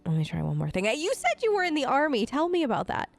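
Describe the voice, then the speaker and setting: A gaming host role-plays her player character in a let's play, improvising chatty, casual, slightly hesitant replies. Her high voice swings hugely in pitch, moves quickly and has some vocal fry, all over game music.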